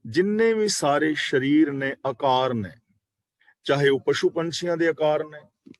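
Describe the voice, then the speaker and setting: A man teaching a scripture class, reciting verses slowly and then explaining each word, at times correcting how a word is pronounced. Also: a little high, no echo. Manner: corrects pronunciation letter by letter. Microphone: online video call.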